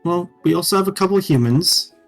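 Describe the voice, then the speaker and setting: A man's voice: high voice, expressive, fast talker, creaky, soft background music. A man running a tabletop game as dungeon master, bantering and swearing freely with his players. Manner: profane, joking banter.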